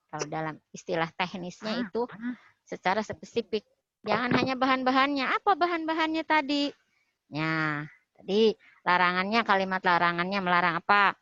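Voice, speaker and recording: Slow bright-voiced woman teacher. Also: a little high, no echo. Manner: explains step by step, repeats key points. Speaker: Indonesian language teacher. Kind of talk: online class lesson. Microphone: video call. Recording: dull lo-fi video call audio.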